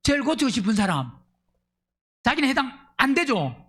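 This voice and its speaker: A man preaching a Sunday sermon as pastor, firing questions at the congregation and swinging between loud emphatic bursts and low asides. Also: very animated, normal speed. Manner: fires rhetorical questions at the congregation.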